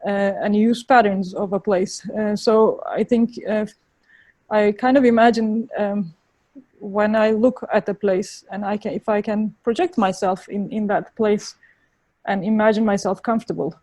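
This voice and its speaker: Female interviewee, Turkish accent, soft-edged relaxed tone, thoughtful and halting, very dry close sound. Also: medium pitch, dry recording. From Turkey. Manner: thoughtful, halting, searching for words. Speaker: interviewed urban designer. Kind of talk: spoken interview answers.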